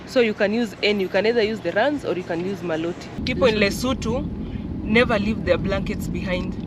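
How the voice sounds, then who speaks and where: A woman's voice: mid-range voice, fairly quick. A woman with a Kenyan accent giving casual, observational travel commentary, often repeating her phrases. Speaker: travel vlogger. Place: inside a vehicle on the road. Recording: noisy moving vehicle, distant mic. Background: loud road and traffic noise.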